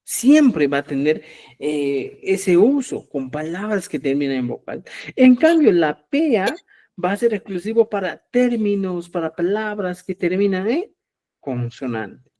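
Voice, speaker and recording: A man teaching a live language class. He explains patiently, says example words slowly and checks often that the students follow. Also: high-pitched, very animated, warm tone.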